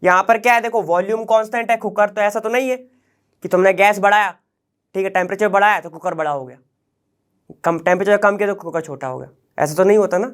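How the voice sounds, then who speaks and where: A man gives a chemistry lesson for exam prep in a relaxed, conversational way. He keeps posing rhetorical questions and checking that his students follow. He mixes English technical terms into his everyday speech. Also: high voice, a little fast. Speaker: chemistry teacher. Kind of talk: online exam-prep lecture.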